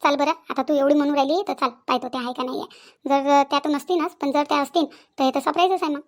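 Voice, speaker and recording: A woman's voice: high voice, steady tone, quick pace, lightly acted. A woman voicing a chatty young sister-in-law in a village cartoon, bickering and confronting.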